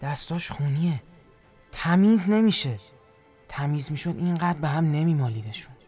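A man's voice: fairly high pitch, lively intonation, a little mellow, faint music behind. A man playing an eerie companion who makes short, obsessively repeated, cryptic remarks in a surreal audio drama.

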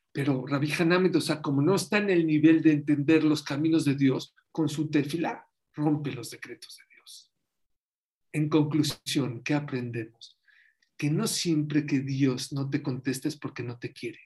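Animated preacher telling stories. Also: male voice, fairly high pitch. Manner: animated storyteller, acts out voices in quotes. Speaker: rabbi. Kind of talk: sermon with acted anecdotes.

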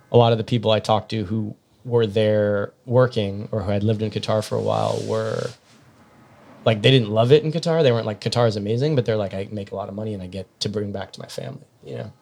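A man's voice: lowish voice, gravelly, a little mellow. A man telling long, rambling stories in a casual podcast chat, full of fillers and restarts.

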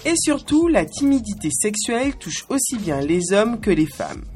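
A woman's voice: mid-range voice, big pitch swings, normal speed, darkish tone, soft background music. A woman in her twenties hosting a podcast, with a playful, cheeky scripted monologue spoken straight to the listener. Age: 20s. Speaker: podcast host.

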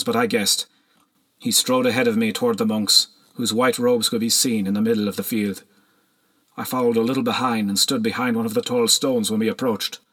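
Husky male audiobook narrator. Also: fairly low pitch, fairly bright tone. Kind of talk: scripted first-person narration.

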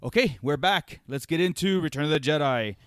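A man's voice: fairly high pitch, expressive, fairly quick, a bit bright, soft background music. A man hosting a casual fan podcast, laughing often and talking in loose fragments. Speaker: podcast host.

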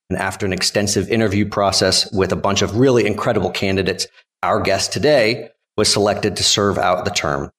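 A man's voice: fairly low pitch, long reverb tail. A man hosting a local podcast, introducing the guest and asking questions in a friendly, scripted way. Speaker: podcast host. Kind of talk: podcast interviewing.

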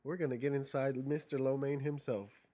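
A man's voice: medium pitch, fairly even intonation, fairly quick, dark tone. A man co-hosting a casual, profane podcast chat, laid-back and full of slang. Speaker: co-host.

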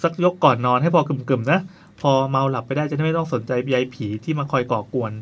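Fast-talking male storyteller. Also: mid-range voice. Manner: chatty, with playful asides to a co-host. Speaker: storyteller host. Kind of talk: casual ghost story narration.

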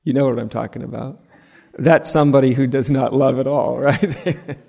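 A man's voice: mid-range voice, steady tone, moderate pace, vocal fry, mellow. Man giving a spiritual talk in a hall. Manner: conversational, frequent "right?" asides, light laughter. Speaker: spiritual teacher. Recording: long hall reverb.

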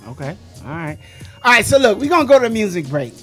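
A man's voice: sits high, big pitch swings, quick pace, fairly bright tone, soft background music. A man hosting a radio interview, casually probing his guest with follow-up questions. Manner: casual, probing, pushes for answers. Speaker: radio show host.

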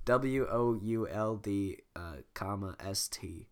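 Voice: deep voice, slow. A person with a bad cold reading a script aloud, coughing and making amused, rambling asides. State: sick, coughing. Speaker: script reader.

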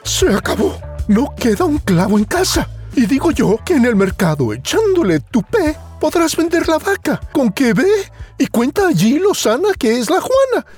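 A man doing a shrill scolding mother. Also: very animated, normal speed, darkish tone, faint music behind. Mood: nagging. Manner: shrieking, scolding.

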